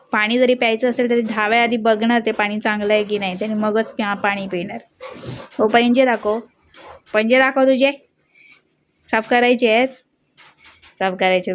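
Chatty Marathi woman filming her pets. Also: slight background noise. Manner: chatty, scolds and coaxes pets in a higher playful voice. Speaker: pet vlogger. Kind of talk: casual vlog narration to camera. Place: home indoors.

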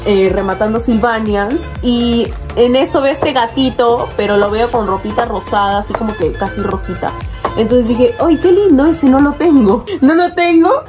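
A young woman chatting casually as she unboxes toys, excitable, often squealing over cute little figures. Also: on the high side. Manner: chatty, uses many diminutives. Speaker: toy collector vlogger.

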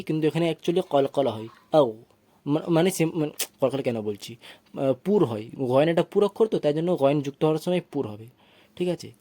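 A man teaches Quran reading with a slightly high, mellow voice. He spells out syllables slowly and patiently, then chants the recited phrases. The sound is dry and close, with no room echo. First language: Bengali. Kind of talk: tajweed lesson, spelling out and reciting verses.

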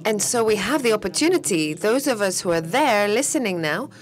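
Interpreting a panel discussion in real time, this medium-pitched woman sounds steady yet slightly hesitant, backing up and restarting to keep up with whoever is talking.

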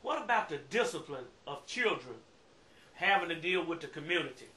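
A man's voice: fairly high pitch, big pitch swings, fairly quick, bright, forceful tone. A man asking casual questions as an interviewer in a living room. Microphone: camera in the room. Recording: echoey room, faint noise.

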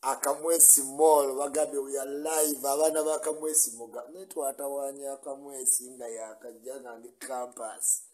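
A man's voice: mid-range voice, flat delivery, moderate pace, hardly any pauses, mellow, rough recording. An older man from Uganda chatting on a live stream in a small room, greeting viewers by name and laughing often, recorded on a webcam in front of him. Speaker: vlogger. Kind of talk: casual live-stream chat. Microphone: webcam or phone in front.

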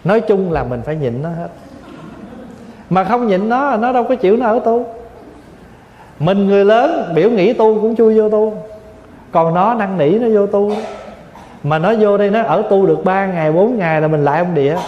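A man's voice: high voice, normal speed, long pauses, slight background noise. A Vietnam-born male Buddhist monk in his forties gives a dharma talk in a folksy, humorous way, slipping in English words. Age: 40s. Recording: dull, echoey hall sound.

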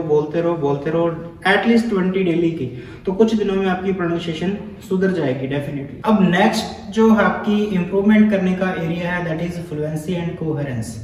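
A man's voice: sits high, a little mellow, recorded from a distance, slight background noise. A man coaching students for a speaking test, direct and familiar, repeating key words for emphasis. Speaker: IELTS speaking teacher. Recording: echoey room, voice from away from the mic.

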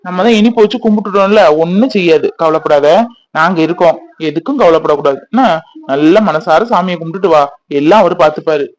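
A man's voice: on the high side, quick pace, lightly acted, rough recording. A man voicing a firm, reassuring elder relative. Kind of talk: cartoon voice acting.

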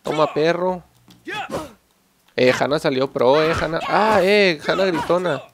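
A young gameplay channel host commentates a fighting game at an unhurried pace, excitable and joking while swearing at his opponents. His slightly high voice has a gravelly, creaky edge, and the noisy recording has clicks in the background.

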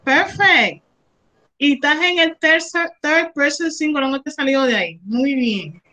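Woman teacher, Panamanian Spanish accent, slow and patient, high voice, encouraging. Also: pushed and bright, poor audio. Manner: encouraging, praising, mixes Spanish and English. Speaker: English teacher. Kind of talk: online class, coaching students.

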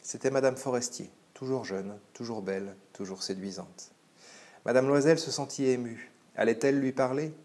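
A man teaching a recorded French literature lesson, reading the text expressively and then explaining it in a measured way, with frequent hesitations. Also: mid-range voice, a little mellow.

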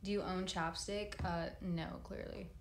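A woman's voice: on the low side, steady tone, measured pace, echoey room, slight background noise. A woman in her twenties hosting a casual livestream, answering comments in a laid-back, chatty way with frequent swearing, recorded on a phone at arm's length in a plain room. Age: 20s. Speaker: livestream host. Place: large plain room indoors. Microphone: phone camera at arm's length.

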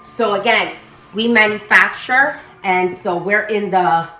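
A woman's voice: mid-range voice, takes it slowly, pushed and bright, recorded from a distance, faint music behind. A middle-aged woman giving an enthusiastic, informal walking tour as a business owner, her voice echoing in a big warehouse space. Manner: enthusiastic, presenting on her feet while walking. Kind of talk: informal walk-through video tour narration. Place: large indoor warehouse and open office. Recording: echoey warehouse, voice away from mic.

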